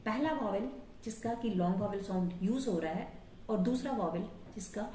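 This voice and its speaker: A woman's voice: medium pitch, moderate pace, warm tone, distant mic, a little hiss or hum. A woman teaching phonics, repeating vowel sounds and spelling words letter by letter. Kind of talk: slow explanatory phonics lesson. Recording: echoey room, voice away from mic.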